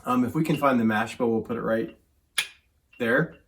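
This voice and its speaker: A young man hosts a casual whiskey tasting at home, his voice hoarse from a cold. He talks in an easygoing, rambling way, full of filler words. His pitch sits in an ordinary middle range. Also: normal speed, a little hiss or hum. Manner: chatty, laid-back, says "stinking" and "um" a lot. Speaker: whiskey reviewer host. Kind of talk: casual whiskey review chat. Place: home man cave, indoors.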